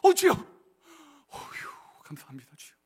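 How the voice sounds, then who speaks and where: A startled older church mother gasping out sudden cries to the Lord, her voice jumping well above the man who puts her on. The exclamations come loud and high, with a sharp rise on each cry. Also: very animated, unhurried, long reverb tail, exaggerated voice. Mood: startled exclaiming.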